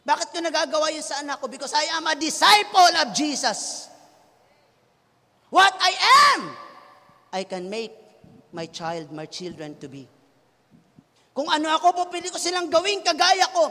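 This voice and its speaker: Man, Filipino accent, pastor's sermon, very high voice, long echoing reverb. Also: big pitch swings, normal speed, long pauses. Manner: switches between Tagalog and English, swings from hushed to shouting.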